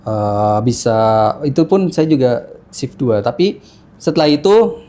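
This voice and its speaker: Man telling his story, mellow. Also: medium pitch, very animated, measured pace. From Jakarta, Indonesia. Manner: storytelling with many fillers and restarts. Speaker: podcast guest. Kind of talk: casual interview chat. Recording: faint background noise.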